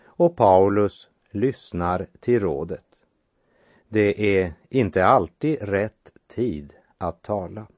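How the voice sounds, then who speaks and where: A man giving a measured sermon that explains Bible passages and reads verses aloud. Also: lowish voice, darkish tone, dry recording, muffled recording. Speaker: preacher. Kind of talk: radio sermon, Bible exposition.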